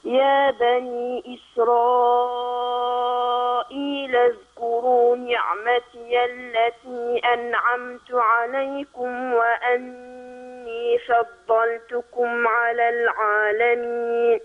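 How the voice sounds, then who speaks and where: Woman reciting slowly over a tinny phone line. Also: a little high, level tone. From Tunisia. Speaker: student reciting. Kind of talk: slow Quran recitation.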